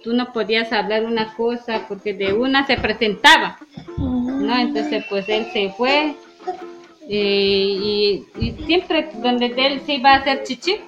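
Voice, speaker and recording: A woman teacher telling a traditional tale in an unhurried way, often adding little questioning tags and fillers. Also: on the high side, a bit bright. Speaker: community preschool teacher. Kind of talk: oral storytelling on radio. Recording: dull lo-fi radio sound with music.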